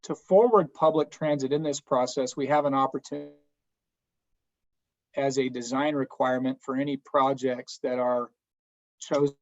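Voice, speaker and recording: Chair calling in on a breaking-up cell phone, halting delivery, flat and steady voice, lo-fi sound. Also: male voice, mid-range voice. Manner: halting, many fillers and restarts. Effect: breaking-up cell phone connection. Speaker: committee chairman. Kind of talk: remarks at a public meeting. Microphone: phone on a remote call.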